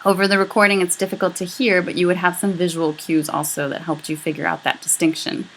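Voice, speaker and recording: A woman's voice: fairly low pitch, little pitch movement, fast, slight background noise. A woman teaching a recorded lecture, explaining step by step and saying sample sounds aloud to show them. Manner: patient, explanatory, demonstrates speech sounds aloud. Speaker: instructor.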